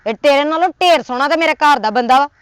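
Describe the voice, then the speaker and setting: A woman with a Punjabi accent acting a sharp-tongued, nagging wife in a comedy sketch. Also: high-pitched, fast, no echo. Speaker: comic actor as a scolding wife.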